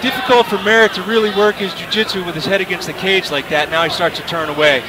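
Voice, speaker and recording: A man's voice: high voice, fast, heavy background noise. A man giving live MMA commentary in a conversational, descriptive way. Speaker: play-by-play fight commentator. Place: live fight venue. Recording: distant mic, loud music and crowd. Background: music and crowd.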